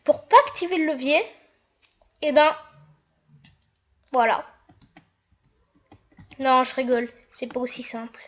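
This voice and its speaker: A woman's voice: high-pitched, unhurried, pauses often. A woman talking through a casual game tutorial while she builds, hesitant and full of fillers. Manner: hesitant, narrates actions with fillers.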